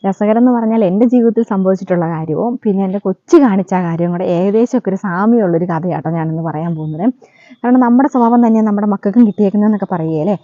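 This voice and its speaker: Talking fast in a mid-range voice with a dark tone, a woman shares a story vlog-style, sprinkling in a friendly "you know." There's no room sound, and the recording is dull, lo-fi and dry.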